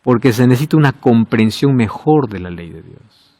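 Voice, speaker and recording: A male preacher giving a sermon, asking rhetorical questions and swinging between emphatic high points and quiet, low asides. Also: animated, normal speed, no echo.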